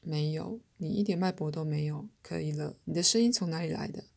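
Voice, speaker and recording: A woman's voice: sits low, brisk, gravelly, a little mellow. A woman voicing a shaken, grieving woman who is tense and curt in a storybook reading.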